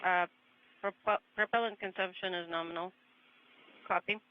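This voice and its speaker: A woman's voice: fairly low pitch, steady tone. Woman calling readouts over crackly space radio. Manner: clipped, measured readouts with hesitant fillers. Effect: crackly space-to-ground radio loop. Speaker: mission control communicator. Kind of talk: procedural radio callouts. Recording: muffled lo-fi radio with faint hiss.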